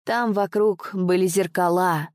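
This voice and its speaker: A woman's voice: lowish voice, steady tone, a little slow, a little mellow, no echo, clean studio sound, natural voice. A woman voicing a sad, subdued masked male cavalier in an audiobook.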